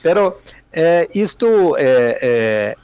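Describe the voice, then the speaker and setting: Slow, halting Mineiro Brazilian man. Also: fairly high pitch, big pitch swings, a little mellow, smooth, no room sound, muffled recording. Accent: Mineiro Brazilian Portuguese. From Minas Gerais, Brazil. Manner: hesitant, many fillers and repeated words; mixes Spanish words into Portuguese. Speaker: political analyst guest. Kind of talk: interview answers.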